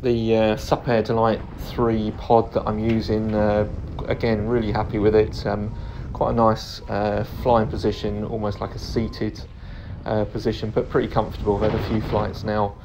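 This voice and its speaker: A man giving a calm, understated and hesitant casual commentary on his own flight video, pausing often. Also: on the low side. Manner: calm, understated, hesitant delivery with frequent pauses. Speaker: paraglider pilot narrating own flight video. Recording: clear steady background noise, vehicle-like ambience.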